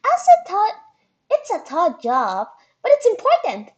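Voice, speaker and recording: Woman putting on a squeaky bubbly troll girl. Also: wildly swooping pitch, measured pace, a little mellow, dull audio, exaggerated voice. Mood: chirpy. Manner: squeaky and giddy, says glub. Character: bubbly cheerful young female sea troll.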